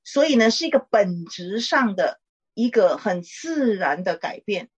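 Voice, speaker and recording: A middle-aged woman, a pastor's wife, gently teaching and counseling a caller in a chatty way with small laughs. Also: medium pitch, sing-song, unhurried, breathy edge, muffled recording. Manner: warm conversational teaching, frequent "哈" tags and laughs.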